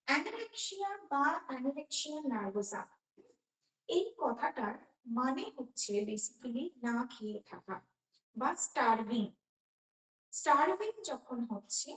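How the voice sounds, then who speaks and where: A high-voiced woman teaches an online class through a computer mic. She lays out the lesson step by step and keeps turning to her students with questions. A heavy echo hangs over every word. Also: distant mic. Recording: echoey online class audio.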